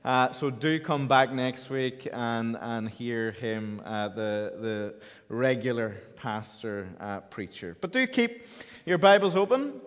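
A man's voice: mid-range voice, expressive, slow, clear, resonant tone. A man with a Donegal accent, a pastor preaching an informal, conversational sermon in an echoey church hall. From County Donegal, Ireland. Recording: echoey hall with long reverb.

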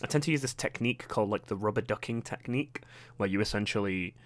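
A young British man with a posh accent chats alone into a close microphone, hosting his own podcast. His voice sits fairly low, and he rambles along with many fillers and self-deprecating asides. The sound is dry, with almost no room around it. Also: quick pace, no room sound. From Britain. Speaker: podcast host. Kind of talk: casual solo podcast chat.

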